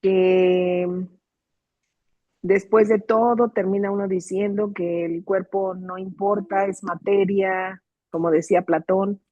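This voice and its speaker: Slow, husky-voiced woman student. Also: on the low side, mellow, no room sound. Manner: hesitant, reflective, many fillers. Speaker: seminary student. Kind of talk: class discussion answer.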